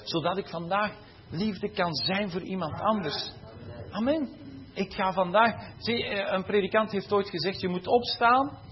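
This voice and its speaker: Man, sermon, lively storytelling preacher, slightly high voice, dull lo-fi sound. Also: a little hiss or hum. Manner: conversational and animated, laughing at his own stories, tag questions.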